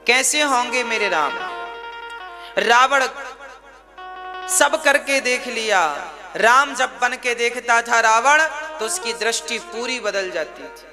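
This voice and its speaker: High-voiced male devotional preacher. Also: slow, long pauses. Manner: expressive, rhetorical questions. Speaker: religious storyteller. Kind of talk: devotional sermon. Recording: music playing behind.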